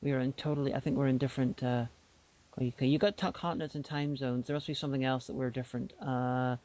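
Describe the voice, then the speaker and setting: A podcast co-host with a bass voice talks fast in a warm, steady tone, chatting casually in a playful, rambling way and often restarting her sentences. She's on a remote call microphone, so the audio is dull, lo-fi online call sound.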